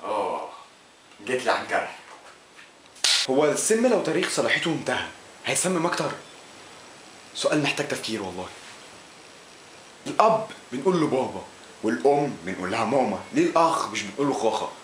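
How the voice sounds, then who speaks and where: A young man with an Egyptian Arabic accent hosts a comic Q&A vlog, joking and switching between mock-serious mumbling and loud outbursts. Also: mid-range voice, very animated, quick pace, pauses often, heavy reverb, far from the mic, slight background noise. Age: young adult. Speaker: comedy YouTuber.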